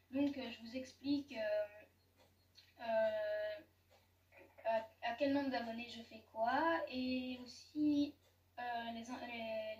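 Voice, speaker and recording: A woman's voice: fairly high pitch, darkish tone, dull audio. A woman giving casual, chatty commentary over her gameplay, often giggling and correcting herself. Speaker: gaming YouTuber. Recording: echoey room, distant mic, faint noise.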